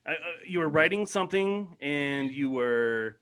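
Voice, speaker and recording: A man hosting a casual podcast over a video call, lively and teasing with his guests. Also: fairly high pitch, unhurried, clean tone. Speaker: podcast host.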